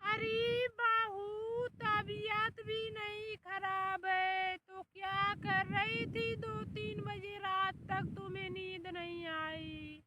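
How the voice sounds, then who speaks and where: A woman playing a nagging old mother-in-law in a comic short film, scolding in drawn-out wails. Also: very high voice, level tone, full character voice. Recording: loud background noise.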